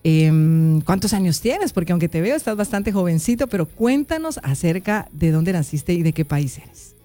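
A woman's voice: lowish voice, animated, normal speed, soft background music. Chatty woman hosting a live interview. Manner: warm, chatty, repeats herself while fixing tech trouble. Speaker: host.

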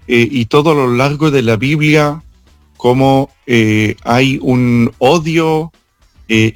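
A man from Israel, a tour guide, answering interview questions over an international phone call, speaking haltingly and pausing often. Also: medium pitch, no room sound. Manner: halting, with frequent hesitation fillers.

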